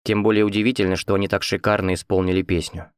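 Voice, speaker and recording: A man voicing a chatty, confiding male film producer in an audiobook, close to his own low voice. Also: little pitch movement, quick pace, clean tone, dry recording, lightly acted.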